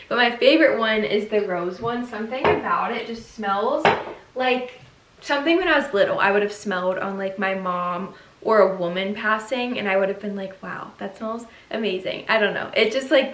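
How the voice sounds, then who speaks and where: A woman's voice: medium pitch, a bit bright. A young woman chatting bubbly and casually in a lifestyle vlog, full of "like" fillers. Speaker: lifestyle vlogger. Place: car, then shops and home.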